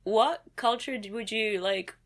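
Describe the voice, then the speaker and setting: A woman's voice: on the high side, measured pace. A woman hosting an interview, giving introductions and putting questions to a guest. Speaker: interviewer and host.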